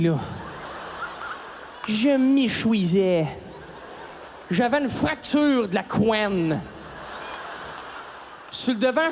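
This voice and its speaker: On a large arena stage before an audience, a Québécois French-accented comedian in his thirties performs stand-up, animated and erupting into high, shouted bursts. The live recording, made through a stage microphone, carries crowd laughter and faint noise.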